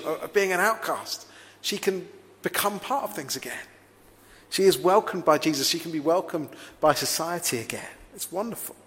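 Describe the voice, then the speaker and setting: Preacher with a hall echo. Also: male voice, high-pitched, fairly bright tone. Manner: reflective, conversational, asks the listeners rhetorical questions. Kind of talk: sermon.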